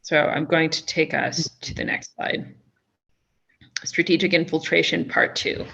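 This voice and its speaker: A woman's voice: sits low, little pitch movement, a little slow, gravelly, pushed and bright, highs cut off. A woman who is an investigative journalist, speaking thoughtfully in a webinar, with frequent restarts and fillers. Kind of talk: webinar talk.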